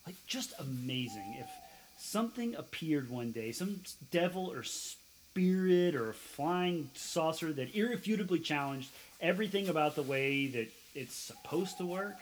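A man's voice: fairly high pitch, animated, normal speed, a little hiss or hum, natural voice, rough recording. An actor playing a young man on a camping trip, a skeptical prankster who muses and chuckles in film dialogue. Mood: reflective. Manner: musing, thoughtful, chuckling.

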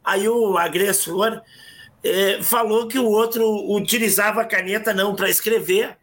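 Guy, high bright voice, telling a story in a podcast chat, acts out quotes. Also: normal speed. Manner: animated storytelling with acted quotes and restarts. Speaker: podcast co-host.

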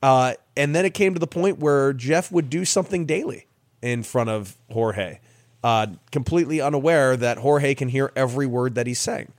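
A man's voice: medium pitch, moderate pace, no echo, clean studio sound. A young adult man, a baseball player and guest, casually telling a funny story and acting out what others said. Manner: lively, laughing storyteller who acts out quotes.

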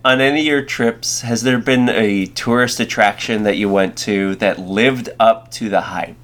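A man's voice: on the low side, moderate pace, a bit bright. A man chatting and asking questions casually as a podcast co-host. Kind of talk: casual interview chat.

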